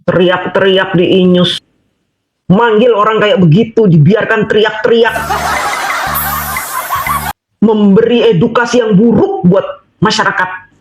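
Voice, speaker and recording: A woman's voice: mid-range voice, dull audio. Scolding, mocking woman vlogger. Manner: scolding and mocking, laughing at her target. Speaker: political vlogger. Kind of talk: angry monologue rant. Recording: echoey room with clear background noise.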